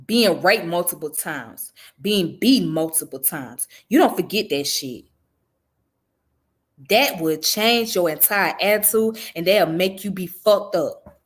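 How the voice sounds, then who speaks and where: A woman who grew up in the American South, giving blunt, profane, conversational commentary on her own channel. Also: mid-range voice. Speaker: channel host. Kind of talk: casual commentary vlog.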